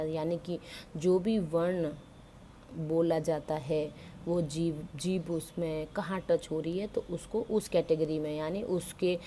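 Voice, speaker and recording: A woman's voice: sits low, warm tone, a little hiss or hum. A woman teaching grammar to school students, explaining step by step, asking questions and answering them herself, and mixing English words into her speech. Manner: mixes English words into Hindi.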